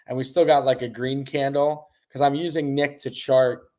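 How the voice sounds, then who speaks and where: A young man co-hosting a casual chat, excitable and rambling, stressed, swinging from low mumbles to loud bursts. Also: normal speed. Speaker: podcast co-host.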